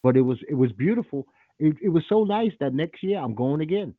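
A man's voice: on the high side, animated, fairly quick, no room sound. Guy hosting a call-in show, blunt and cussing, tinny dry phone-like sound. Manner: blunt, profane and opinionated. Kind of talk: casual call-in radio talk.

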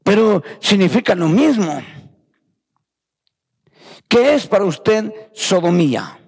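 A man's voice: high-pitched, sing-song, slow, husky, long reverb tail. A man preaching a fervent sermon, repeating phrases and calling his listeners brothers. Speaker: pastor.

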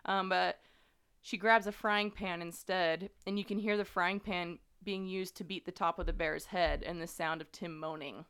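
Woman podcast host, lowish clear voice, chatty true-crime retelling. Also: fairly even intonation, normal speed, fairly bright tone. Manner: conversational, many fillers, earnest. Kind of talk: casual true-crime storytelling.

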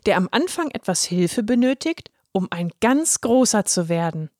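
A woman's voice: mid-range voice, very animated, normal speed, a little mellow, dry recording, studio quality. A woman voicing a shy, earnest young boy who is a drinking straw, in a raised storybook voice. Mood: timid. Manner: timid, earnest. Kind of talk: storybook reading.

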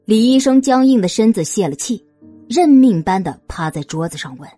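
A woman with a husky voice narrating a suspense audio drama in an expressive storytelling manner. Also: on the high side, moderate pace, soft background music.

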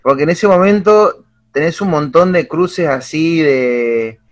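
A young man with an Argentine accent, chatting casually and retelling scenes with excitement and slang. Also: a little high, slow pace. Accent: Argentine Spanish. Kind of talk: casual chat.

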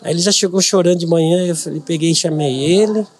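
A man's voice: a little high, quick pace, a little mellow. Middle-aged man telling an earnest story. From Brazil. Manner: earnest, repeats words for emphasis. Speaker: podcast guest, businessman. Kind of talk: emotional personal storytelling.

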